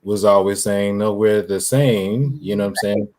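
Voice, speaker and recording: A man's voice: on the low side, fairly even intonation, normal speed, a little mellow. A man artist from the American South talking in a laid-back, conversational way on a video call. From southern United States. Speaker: artist guest. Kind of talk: casual interview talk.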